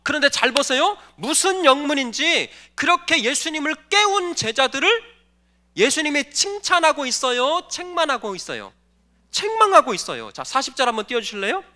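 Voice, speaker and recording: A man's voice: very high voice, animated, moderate pace, sharp tone. A male pastor giving a sermon, posing questions to the congregation and answering them, and calling for the next slide. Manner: directs the slide operator between points.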